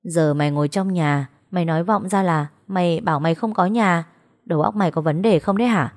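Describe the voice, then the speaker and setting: A woman playing an exasperated young woman scolding her friend in a storybook reading, blunt and quick. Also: lowish voice, a little mellow, close to an everyday voice.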